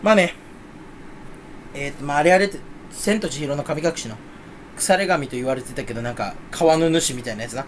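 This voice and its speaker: Young guy rambling fast on his own, kinda high voice, faint hum behind. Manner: rambling, playful, self-mocking; mock Kansai dialect in quoted bits. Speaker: streamer. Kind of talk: solo casual chat.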